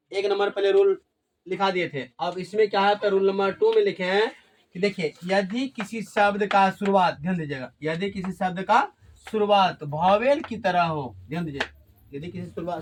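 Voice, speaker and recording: A male teacher with a high voice leads a classroom grammar lesson. He keeps asking the class questions and repeats each key word back to them. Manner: call-and-response questioning, repeats key words.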